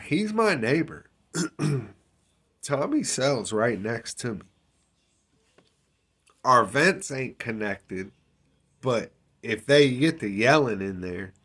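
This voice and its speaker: A man telling a story in a casual, slangy, unhurried way, with lots of fillers and swearing. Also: on the low side, a bit bright. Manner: street slang, frequent fillers and profanity, unhurried. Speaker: storyteller recounting his time in prison.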